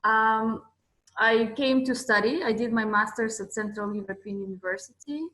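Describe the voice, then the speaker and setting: A woman's voice: on the high side, fairly even intonation, moderate pace, a bit bright, reverberant, rough recording. A woman from Kyrgyzstan, a guest on a video call interview, speaking in a candid, matter-of-fact way. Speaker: guest, shop owner.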